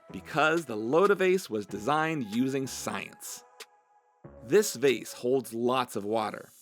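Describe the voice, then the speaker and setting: A man presents a children's science show in the theatrical manner of a kids' party magician. His pitch is very animated and leaps around. He sounds excitable, with music playing behind him. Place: kitchen indoors.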